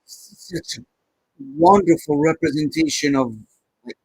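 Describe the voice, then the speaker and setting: A man's voice: fairly high pitch, unhurried, a little mellow, husky. A young man giving casual, rambling, enthusiastic commentary while rewatching a movie, often correcting himself.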